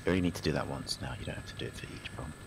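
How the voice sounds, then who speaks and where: A man's voice: a bass voice, racing, vocal fry, background noise. A man explaining game controls matter-of-factly over voice comms. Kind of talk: casual gaming chat over voice comms.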